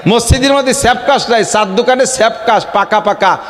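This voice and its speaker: A man preaches a humorous sermon. His voice sits high and rings out with a long reverb. He drops to low, confiding asides, then rises to loud, shouted declamation. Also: a little fast.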